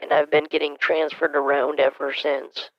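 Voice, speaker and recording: A man putting on a creaky, hard-of-hearing old woman. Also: on the high side, level tone, normal speed, dry recording, natural voice. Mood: confused. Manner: hesitant, stammering, keeps asking to repeat. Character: frail elderly woman, hard of hearing, confused. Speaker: caller posing as a victim. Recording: muffled phone call.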